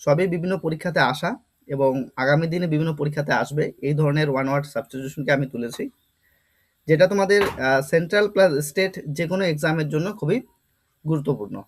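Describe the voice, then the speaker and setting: Guy teaching vocab class, fairly high voice, keeps repeating stuff and asking questions. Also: fast. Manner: explains step by step, repeats words and asks rhetorical questions. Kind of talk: vocabulary lesson.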